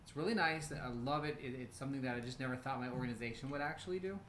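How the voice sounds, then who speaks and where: A man's voice: medium pitch, very fast, a bit bright. An American man co-hosting a casual livestream, rambling and bantering as he goes. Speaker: co-host. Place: indoor room. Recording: roomy echo, faint background noise.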